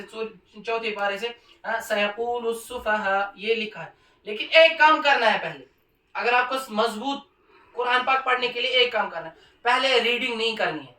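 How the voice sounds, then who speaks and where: Male Quran teacher, emphatic, quizzes pupils; bright tone, distant mic in a reverberant room. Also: very high-pitched. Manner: emphatic, quizzes the class with repeated questions. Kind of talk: classroom lesson.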